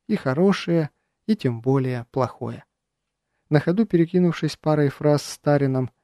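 A man narrating a first-person audiobook in a measured, even way. His voice is mellow and dark, and the recording is close and dry with no room sound. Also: mid-range voice, no room sound.

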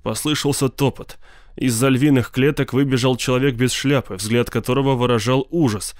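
A man narrating an audiobook in a steady, dramatic storytelling manner. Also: mid-range voice, moderate pace, no room sound, studio quality. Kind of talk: audiobook reading.

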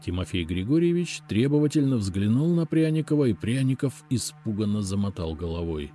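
A man narrating a story in the first person, in an expressive, lively storytelling manner. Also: on the low side, brisk, faint music behind. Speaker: audiobook narrator.

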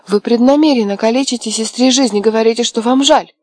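A woman voicing a headstrong, quick-tempered young wife in an audiobook, sharp and mocking. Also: medium pitch, no room sound, studio quality, close to an everyday voice. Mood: furious. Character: fiery defiant young wife, headstrong and scheming. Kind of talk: audiobook character voice.

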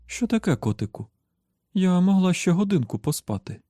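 A playful young woman with a raised, lilting voice, put on by a man reading an audiobook. She talks in a chatty, teasing way, sounding warm and close on a dry recording. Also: high-pitched, very animated, moderate pace, dry recording, pitched above the performer's own voice. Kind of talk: audiobook character voice.

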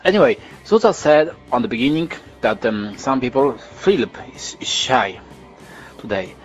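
Polish-accented man, podcast co-host, explaining and quizzing, mid-pitched. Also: sing-song, moderate pace, soft background music. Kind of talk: casual chat.

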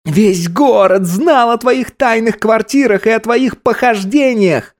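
A man's voice: high-pitched, unhurried, pitched above the performer's own voice. A man voicing a furious grown daughter in an audiobook, screaming bitter accusations. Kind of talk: audiobook character voice.

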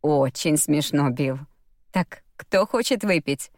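A woman reading as a fussy, insistent mother in an audiobook who presses her point. The voice is low and dry, recorded close. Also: animated, takes it slowly, no echo. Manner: insistent, fussing.

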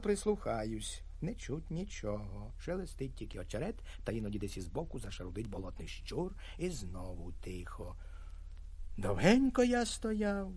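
A man voicing a garrulous 56-year-old hunter who tells a tale with lively exclamations. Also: high-pitched, exaggerated voice. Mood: rueful. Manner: lively storytelling, animated exclamations.

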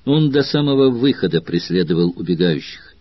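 A man's voice: sits low, lively intonation, fairly quick, dry recording, dull audio. A man reading a dramatic audiobook steadily on a close mic. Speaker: audiobook narrator.

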